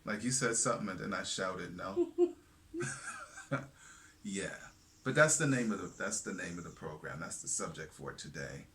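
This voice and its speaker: A man's voice: deep voice, brisk, a bit bright. A middle-aged man hosting a podcast with his wife, talking in a playful, joking way full of "uh"s. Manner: playful, jokey, rambling with fillers. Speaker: podcast host. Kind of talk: casual chat with spouse. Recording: faint background noise.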